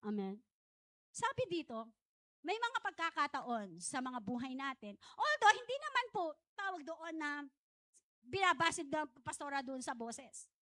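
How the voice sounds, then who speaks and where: A woman's voice: high voice, big pitch swings, measured pace, sharp tone, no echo. A middle-aged woman pastor, preaching a conversational church sermon full of chatty asides. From Philippines. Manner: chatty, digressive preaching with frequent asides and self-laughter.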